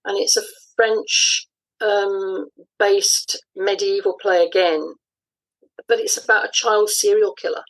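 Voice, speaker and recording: Her voice is mid-range and steady, and she takes her time. She's an audio drama writer in her sixties, appearing as an interview guest and explaining her thoughts in a reflective, conversational way, captured on a rough recording.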